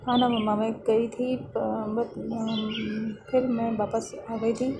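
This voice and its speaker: A woman's voice: fairly high pitch, flat delivery, slow. A woman voicing a sleepy, sulky teenage schoolgirl who drags her words and pleads. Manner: drowsy, pleading, later huffy. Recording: noisy background hiss.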